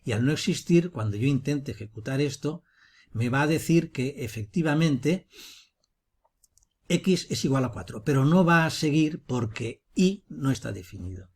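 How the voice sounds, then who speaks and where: A man with a husky, slightly breathy voice walks through a screen-recorded software lesson. He explains each step patiently and methodically, at a mid pitch. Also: animated, moderate pace. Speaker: teacher.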